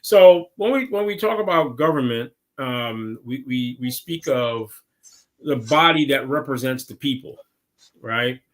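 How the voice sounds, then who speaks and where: With a mid-range voice and lively intonation, this Guyanese man, a city council member, is an interview guest on a remote call. He walks through how government works step by step, measured in manner and fond of tag questions.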